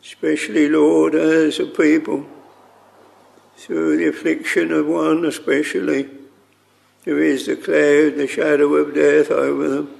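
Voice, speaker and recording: A man leading a solemn public prayer in old-fashioned language, speaking in halting short phrases and returning again and again to "Lord". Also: fairly high pitch, creaky, rough recording.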